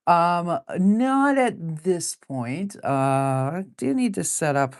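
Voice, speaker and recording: A woman in her forties with a low, deep, sing-song voice chats casually while drawing live on stream. She rambles, laughs often, and fills pauses with lots of ums and uhs. The audio is studio quality with no room sound.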